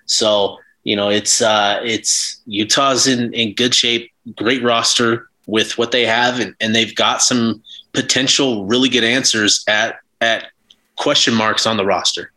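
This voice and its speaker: Podcast co-host, male, bright tense tone, rambling and filler-heavy. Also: mid-range voice, fairly even intonation, unhurried, low-quality recording. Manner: rambling, many fillers and restarts. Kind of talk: casual sports podcast chat.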